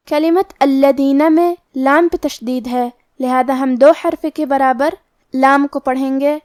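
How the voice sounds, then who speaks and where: Woman, Quran recitation teacher, high-pitched, careful explanations, dry recording. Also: darkish tone, no echo. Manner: careful, explanatory, slows right down to recite verses. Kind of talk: tajweed lesson with slow recitation.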